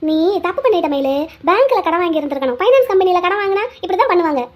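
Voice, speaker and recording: Someone voicing a bossy auntie neighbour, lecturing, high and quick. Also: animated. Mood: scolding. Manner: scolding, lecturing. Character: stern older neighbour woman giving advice. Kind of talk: cartoon voice acting.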